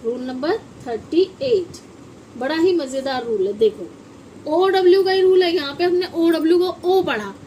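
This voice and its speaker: A woman with a very high-pitched, warm voice teaches children an English phonics lesson at normal speed, with slight background noise. She spells words letter by letter and has the children repeat them.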